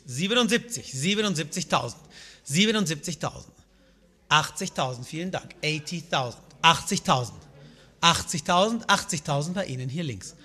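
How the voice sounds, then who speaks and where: A man's voice: a little high, lively intonation, moderate pace, pushed and bright, husky. A man in his thirties working as an auctioneer, calling out and repeating bid amounts in a live saleroom, switching between German and English. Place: auction saleroom at a rostrum, indoors. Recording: reverberant hall sound.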